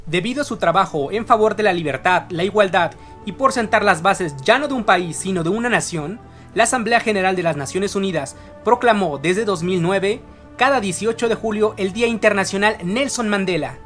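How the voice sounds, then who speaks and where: Earnest explainer host over soft music. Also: mid-range voice. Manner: earnest, measured storytelling with direct questions to the viewer. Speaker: host of an educational channel. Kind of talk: scripted explainer narration. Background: faint background music.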